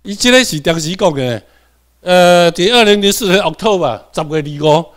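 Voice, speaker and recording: A man's voice: high voice, expressive, moderate pace, a bit bright. A man from Tainan, Taiwan, with a Taiwanese accent, giving a classroom lecture. He repeats key points and keeps checking in with his students.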